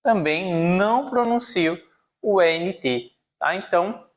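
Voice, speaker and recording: A man's voice: high voice, lively intonation, measured pace. A man teaching French pronunciation in an online lesson, explaining rules patiently and checking in with his viewers often.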